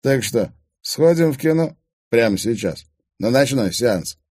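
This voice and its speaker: A man's voice: mid-range voice, expressive, a little slow, a little mellow, breathy edge, dry recording, clean studio sound, pitched above the performer's own voice. A man reading an audiobook, voicing an arrogant, charming young man who talks in a smug, teasing way. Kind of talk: audiobook character voice.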